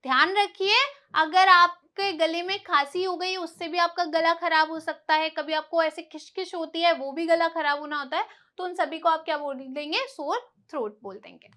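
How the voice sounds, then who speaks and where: A woman teacher with a very high, bright voice runs a vocabulary lesson. She patiently explains each word and stresses how it is pronounced. She drills her listeners by asking questions and answering them herself. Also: fairly even intonation, normal speed.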